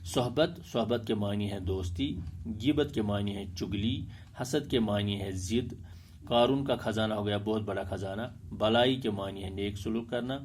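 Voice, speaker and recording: A male school teacher giving an Urdu lesson, reading aloud and then explaining new words slowly, stressing correct pronunciation with frequent hesitations. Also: lowish voice, darkish tone, slight background noise. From Kashmir. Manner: slow, deliberate, stresses pronunciation, many filler sounds.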